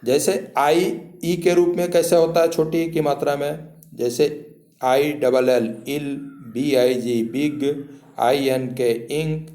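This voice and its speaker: Male teacher, slow and deliberate, spells each word out letter by letter, echoey room. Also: on the high side, fairly even intonation, warm tone. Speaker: English teacher. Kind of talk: spoken classroom lesson.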